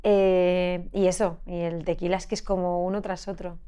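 A young woman from Spain, a singer being interviewed on a podcast, telling stories in an animated, laughing way. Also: lowish voice, normal speed, smooth. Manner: animated storytelling with frequent laughter. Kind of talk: casual interview chat.

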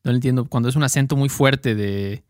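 A man's voice: medium pitch, brisk, a little mellow, no room sound, studio quality. A man with a Mexican accent co-hosting a podcast, chatting loosely with lots of fillers and tag questions. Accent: Mexican Spanish. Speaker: podcast co-host. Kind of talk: casual chat.

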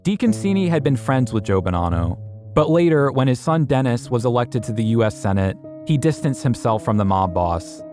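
A man narrating an investigative story in a measured, scripted way, posing rhetorical questions. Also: mid-range voice, big pitch swings, darkish tone, soft background music. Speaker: podcast host and narrator.

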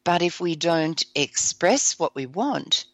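An enthusiastic woman hosts a self-help show, her slightly croaky voice set a little low. She talks slowly with a lively, swooping pitch. The sound is dry and close. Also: no room sound. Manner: enthusiastic, bursts into whoops and laughs. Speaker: host.

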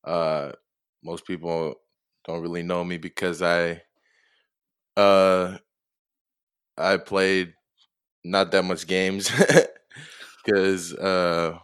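A young adult Tongan man, a college football player, gives casual and somewhat hesitant answers in an interview. His voice sits low yet has a fairly bright, clear, resonant tone. The recording is dry, with clean studio sound.

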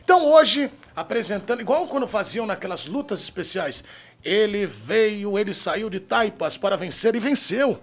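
Male Brazilian host, ringmaster showmanship, high and forceful with some gravel. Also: expressive. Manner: booming ringmaster-style announcer showmanship with drawn-out words. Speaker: show host. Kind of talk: theatrical show introduction. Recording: live studio with audience.

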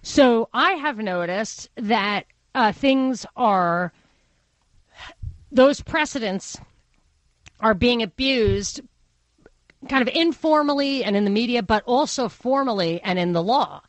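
A woman radio host with a Brooklyn accent talks in a fairly high voice. Her delivery is conversational and opinionated, wandering as she thinks out loud. The sound is close and dry, as in a studio. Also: expressive, slow pace, no room sound, rough recording. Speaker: radio talk show host. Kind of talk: conversational talk radio monologue. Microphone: close studio microphone.

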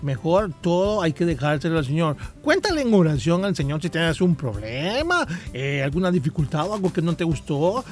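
High-voiced playful man on children's radio. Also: moderate pace, few pauses, faint music behind. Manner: playful, animated, teasing. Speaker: children's radio show co-host.

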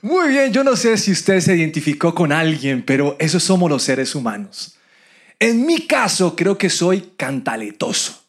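A man's voice: on the high side, very animated, measured pace. A man speaking earnestly to viewers as a church speaker on marriage, telling stories and building his points through repetition.

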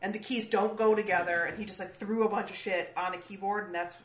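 A woman's voice: mid-range voice, fairly even intonation, fast talker. A young woman co-hosting a casual music podcast, blunt and opinionated, swearing casually. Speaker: podcast co-host. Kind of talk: casual chat about music. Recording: echoey room.

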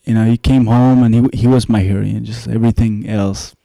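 A young man from Sweden with a Swedish accent, a dancer and musician, talking casually as an interview guest, halting and filling with "you know.". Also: lowish voice, creaky, dry recording. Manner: relaxed, halting, many "you know" fillers.

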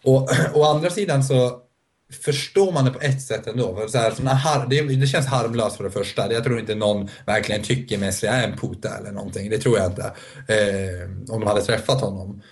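A man talking on a podcast panel, hesitant and restarting often, laughing between points. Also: fairly low pitch. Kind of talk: casual podcast discussion.

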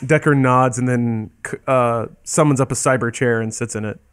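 A man's voice: medium pitch, steady tone, moderate pace, smooth. A man playing in a tabletop game, who jokes crudely and narrates his character's actions. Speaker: player. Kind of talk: casual tabletop game chat.

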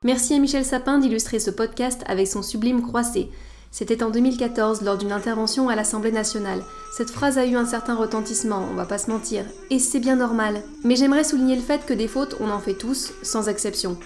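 A woman's voice: on the high side, fairly quick, a little mellow, soft background music. A woman hosting a scripted educational podcast, didactic and playful with teasing asides. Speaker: podcast host.

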